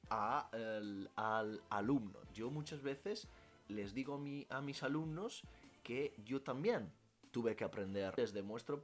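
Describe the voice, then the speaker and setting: A man with an Italian accent, a language teacher answering questions in a casual vlog, talking freely and correcting himself as he goes. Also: medium pitch. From Italy. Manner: animated, self-correcting, thinks aloud with fillers.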